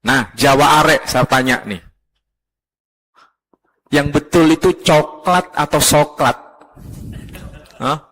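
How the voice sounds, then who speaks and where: A fairly high-pitched man gives a religious lecture to a live audience. He teaches in a lively way and throws questions at his listeners. His voice rings out with a long hall reverb. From Surabaya, East Java, Indonesia. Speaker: professor giving a religious talk.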